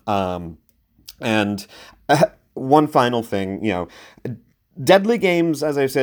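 A man hosting a casual film review podcast, talking conversationally and leaning into his recommendations with emphasis. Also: lowish voice. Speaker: podcast host.

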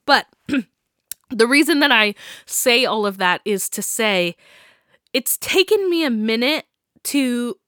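Her voice is medium in pitch with a sharp tone as she hosts her own casual solo podcast. This young woman is stuffy from a sinus infection and keeps the chat loose, giggly, and full of ums. The sound is dry and studio-clean.

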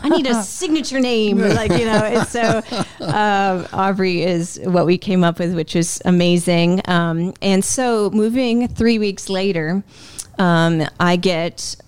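A woman guest telling her own life story in a candid, conversational way, often with "um" and "like", acting out her past thoughts in a higher voice. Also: fairly even intonation, takes it slowly, darkish tone. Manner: frequent "um" and "like", self-interrupting. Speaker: interview guest.

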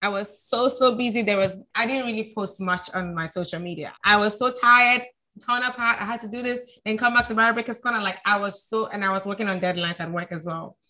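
A woman's voice: medium pitch, brisk, bright, forceful tone. A woman hosting a podcast, chatting casually in a friendly way and often murmuring agreement. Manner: friendly, with frequent affirmations. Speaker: podcast host. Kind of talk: casual chat.

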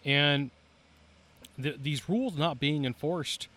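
A man's voice: fairly high pitch, slow, a bit bright. A man hosting a solo podcast in an informal, plain-spoken way, talking straight to listeners while seated at a microphone outdoors on a beach by the ocean. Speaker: podcast host. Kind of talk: conversational solo podcast monologue.

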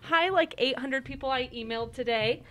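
A woman's voice: high voice, brisk, noisy background. A woman chatting casually and self-deprecatingly as co-host, muffled by a face mask, with a slight lisp. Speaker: school staff co-host. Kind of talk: casual, chatty live talk.

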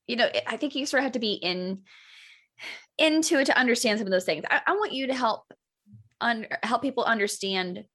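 A woman's voice: a little high, expressive, brisk, fairly bright tone. A woman hosting a podcast, asking questions in a casual conversational way with frequent fillers. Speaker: podcast host. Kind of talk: casual interview.

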